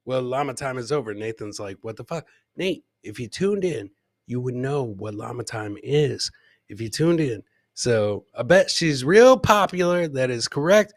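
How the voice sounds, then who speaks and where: A middle-aged man hosts a live comedy show, bantering casually with chat, reacting to clips, and repeating phrases like a hype man. His mid-range voice is animated at a normal speed, recorded with studio quality and no room sound on a close boom podcast mic and headset.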